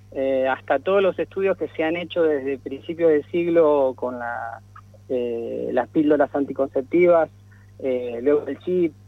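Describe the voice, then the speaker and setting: A man's voice: fairly high pitch, no echo. A man, a guest in a radio interview who talks with many restarts and fillers. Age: 40s. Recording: dull lo-fi radio sound.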